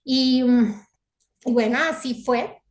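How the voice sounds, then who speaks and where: A Colombian woman with a high voice tells her story in an echoing room, reflective and heartfelt, often circling back to restart a thought. It sounds like a personal testimony shared with a gathering. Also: flat delivery, takes it slowly. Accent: Colombian Spanish. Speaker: devotee sharing testimony.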